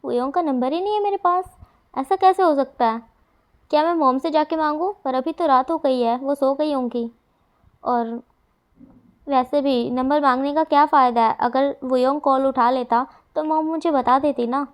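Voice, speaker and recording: A woman's voice: sits high, moderate pace, natural voice. Sulky lovesick teen boy, read by a woman. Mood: lonely sulky. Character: moody lovesick teenage boy, impatient and sulky.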